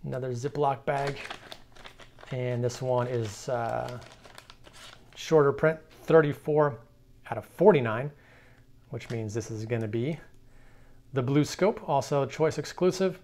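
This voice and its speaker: A man hosting a casual card-collecting vlog, chatting in a relaxed way with fillers and restarts while he shows cards indoors. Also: medium pitch, measured pace, pauses often. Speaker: card collector, channel host.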